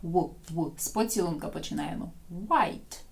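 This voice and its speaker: A woman teaching English in a video lesson, explaining in Ukrainian and modelling phrases slowly for learners to repeat. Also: medium pitch, big pitch swings.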